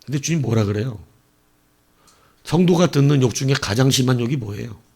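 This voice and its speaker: Man, pastor preaching a sermon, raspy fry in the voice, dramatic acted-out quotes. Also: mid-range voice, fairly quick. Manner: animated storytelling, acts out quoted lines with sudden loud outbursts.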